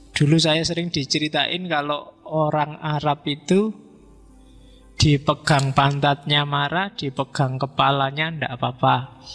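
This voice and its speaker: A man giving a relaxed, joking philosophy lecture and asking the audience questions. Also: on the high side. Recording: reverberant hall with faint music.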